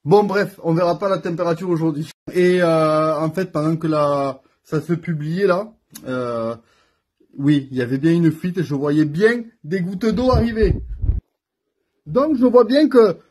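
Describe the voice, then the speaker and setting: A fairly high-pitched man with a husky edge to his voice, recording himself on a phone in his home workshop. He talks casually and directly to the viewer, filling pauses and thinking out loud as he tinkers. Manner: chatty, talks straight to the viewer, thinks aloud with fillers. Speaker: scooter mechanic vlogger. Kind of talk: casual how-to vlog. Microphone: phone filming himself.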